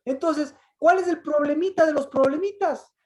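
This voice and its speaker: A woman preaching a sermon in a high voice, throwing the same question back at her congregation again and again. She slips into the voices of the people she quotes, raising her tone to act them out. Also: normal speed, a little mellow, low-quality recording. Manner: asks the congregation repeated questions; acts out quoted voices with rising emphasis. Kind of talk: interactive sermon.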